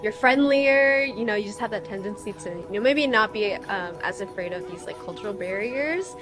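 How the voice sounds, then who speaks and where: A woman's voice: medium pitch, lively intonation, moderate pace. A woman from the United States, speaking conversationally with many "you know"s in a documentary interview. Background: background music.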